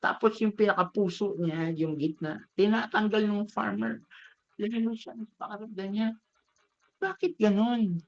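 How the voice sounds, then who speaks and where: A man's voice: high-pitched, steady tone, normal speed, vocal fry. Brief: male lay preacher, casual storytelling sermon, dull recording. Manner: conversational, mixes English into Tagalog. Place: elder's office.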